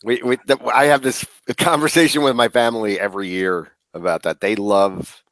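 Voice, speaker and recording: A man's voice: on the low side, steady tone, a bit bright, no echo. A man co-hosting a casual podcast, chiming in with short joking remarks. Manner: short quick interjections, joking. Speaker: podcast co-host and executive producer.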